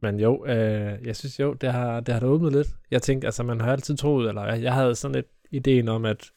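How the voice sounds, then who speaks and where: A young man with a gravelly, creaky edge, chatting casually as a podcast co-host. He jokes a lot and stumbles through fillers and restarts. The sound is close and dry. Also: mid-range voice, fairly even intonation, dark tone, no room sound. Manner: joking, hesitant with many fillers. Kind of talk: casual chat.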